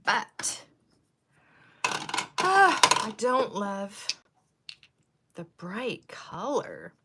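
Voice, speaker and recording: A woman in her sixties chatting casually on a livestream while she does her makeup, rambling from one tangent to the next and sometimes dropping to a soft murmur. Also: medium pitch, sing-song, drawn-out words, very noisy. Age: 60s. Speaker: livestream host.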